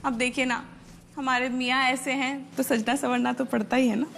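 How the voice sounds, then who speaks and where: A woman's voice: high-pitched, flat delivery, normal speed, vocal fry. A woman playing a sitcom wife, coaxing and flirtatious. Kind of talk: sitcom acting. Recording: TV sitcom with loud music bed.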